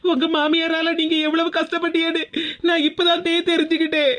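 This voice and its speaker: A woman voicing an apologetic young daughter-in-law with a Tirunelveli Tamil accent in an animated cartoon. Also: very high-pitched, brisk. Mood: pleading. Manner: pleading, apologetic.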